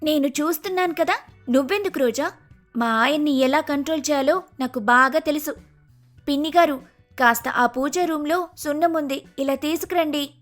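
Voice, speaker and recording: A man voicing a fussy, dramatic young wife in a shrill falsetto, fretting and scolding. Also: moderate pace, a bit bright, faint music behind. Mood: fussing.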